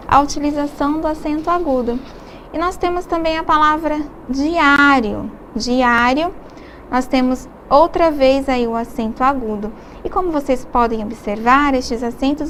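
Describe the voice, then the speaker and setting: A woman's voice: high-pitched, fairly bright tone, a little hiss or hum. A woman with a Brazilian Portuguese accent teaching a recorded distance-learning lesson, explaining patiently step by step and often checking in with her students.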